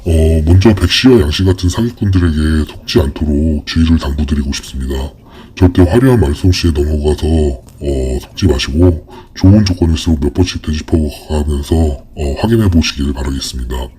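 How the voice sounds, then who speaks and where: An anonymous interviewee whose voice is disguised with a deep pitch-shift effect, reading a formal, measured account with frequent hesitant fillers. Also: mellow, breathy edge. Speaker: anonymous fraud victim interviewee.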